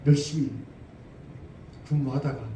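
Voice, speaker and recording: A man's voice: medium pitch, steady tone, unhurried, mellow, slight background noise. A man preaching a sermon as pastor, emphatic, repeating his phrases and asking rhetorical questions. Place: church sanctuary. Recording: roomy, distant church recording.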